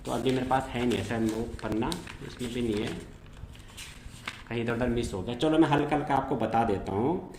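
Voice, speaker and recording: A man's voice: mid-range voice, fairly quick, roomy sound, background noise. A man teaching a math lesson to school students. He explains step by step and keeps checking that they follow.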